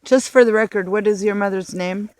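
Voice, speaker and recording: A man interviewing someone in a mock documentary, asking questions in a deadpan way. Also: high voice, a little fast.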